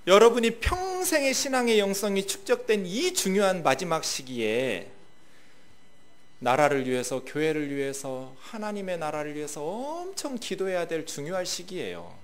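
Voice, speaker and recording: A male pastor preaching a sermon, asking the congregation questions and swinging from loud bursts to quiet asides. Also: a little high.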